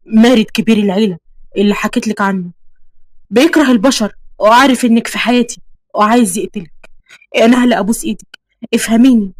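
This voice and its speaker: A woman's voice: on the high side, quick pace, long pauses, no echo, studio quality, lightly acted. A woman with an Egyptian accent voicing a young man in love who pleads and despairs, in a storybook reading. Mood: sad. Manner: pleading, desperate.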